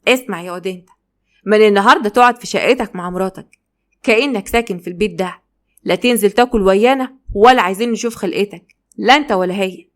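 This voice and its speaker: A woman with an Egyptian Arabic accent voicing a stern middle-aged father who scolds and threatens loudly. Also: medium pitch, rapid-fire, close to an everyday voice. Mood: scolding.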